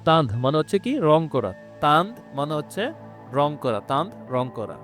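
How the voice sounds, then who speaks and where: A man's voice: a little high, very animated, fairly bright tone, faint music behind. Bangladeshi man teaching with patient repetition. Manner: explains slowly, repeating each word and its meaning. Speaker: French teacher. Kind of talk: spoken language lesson.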